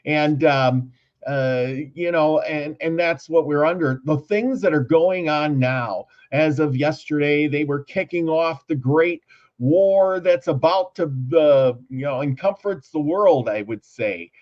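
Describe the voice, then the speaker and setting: A man hosts a casual talk show in a slightly high voice. He rambles, piling up fillers and restarting his sentences. The recording sounds dull and lo-fi. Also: a little slow. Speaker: host. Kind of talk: casual podcast chat.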